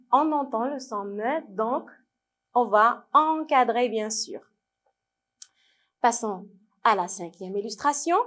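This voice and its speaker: A woman teaching a televised primary school French lesson, patiently drawing out words syllable by syllable, asking the children questions and praising their answers. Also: fairly high pitch. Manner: asks questions to young pupils and praises them. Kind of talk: televised distance-learning lesson.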